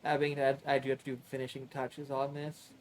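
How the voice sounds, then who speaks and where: A man's voice: medium pitch, monotone, a little fast. A man streaming live, chatting casually and rambling, swearing freely and drawing out his words.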